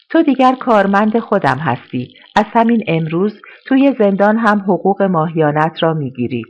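A reader voicing a cold, threatening male crime boss who makes slow, intimidating threats, in a slightly dull recording. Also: medium pitch, natural voice.

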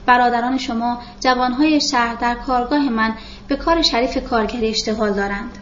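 Storybook peacemaker: courteous foreign businessman, pleading, read by a woman, fairly high. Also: steady tone, fairly bright tone, slight background noise, lightly acted. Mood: earnest. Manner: pleading, smoothing things over. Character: polite foreign male workshop owner, conciliatory. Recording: roomy, dull lo-fi recording.

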